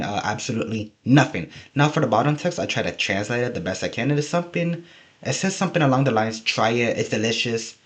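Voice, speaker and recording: A man giving casual, humorous, rambling video commentary, often interrupting himself, who says a w-like sound for r. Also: medium pitch. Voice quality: trouble pronouncing R, says w-like sound for r. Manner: rambling, jokey, self-interrupting. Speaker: video host.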